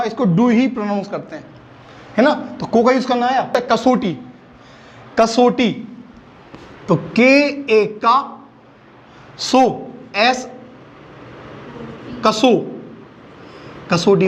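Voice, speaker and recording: A man's voice: sits high, slight background noise. A man teaching English phonics, spelling words letter by letter and asking repeated questions. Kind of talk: phonics lesson. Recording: dull lo-fi recording.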